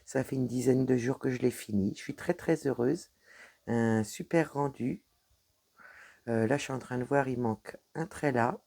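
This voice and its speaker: A woman's voice: very deep voice, normal speed, creaky, warm tone, slightly rough. A woman with a French accent chatting casually at her home desk, rambling and stumbling over her words as she shows her cross-stitch progress. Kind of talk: casual show-and-tell vlog.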